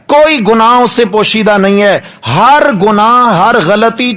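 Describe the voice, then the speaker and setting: A male mufti delivering a sermon, emphatic and repetitive, slowing right down to draw out recited verses. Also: high voice, a bit bright. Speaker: mufti preacher.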